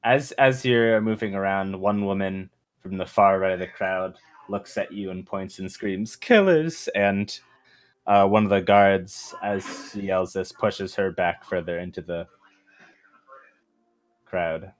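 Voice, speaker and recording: A man narrating as game master of a tabletop role-playing game, slow and halting with many fillers. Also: sits low, flat delivery.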